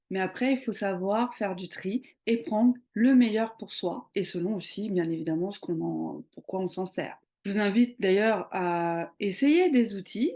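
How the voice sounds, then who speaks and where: A young woman gives a casual video tutorial, talking in a conversational way with many hesitant fillers. Her voice is mellow and warm, at a middle pitch for a woman. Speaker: social media marketing coach.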